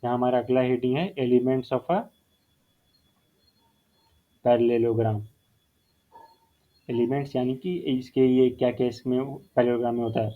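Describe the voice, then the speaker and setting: A man's voice: medium pitch, fairly even intonation, a little slow, long pauses. Man teaching math over a tinny line. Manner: explains step by step, repeats key terms, mixes in English phrases. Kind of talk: whiteboard math lesson. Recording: phone-like narrow sound.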